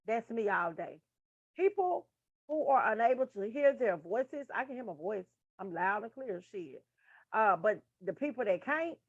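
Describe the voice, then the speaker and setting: A woman with a medium-pitched voice runs a casual nursing study lesson, speaking frankly and dropping profane remarks to her listeners. The recording is dry, with a dull lo-fi sound.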